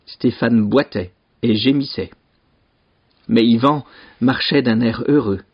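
Slow husky male storyteller. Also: medium pitch. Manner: slow, expressive reading. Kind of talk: scripted storybook narration. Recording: dull lo-fi broadcast recording.

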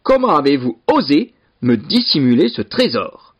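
A furious, bullying lord barks his orders in a loud, raised voice, as a man reading a storybook puts him on. The tone is husky and domineering, and the recording sounds dull and lo-fi. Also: fairly high pitch, big pitch swings, normal speed, pitched above the performer's own voice.

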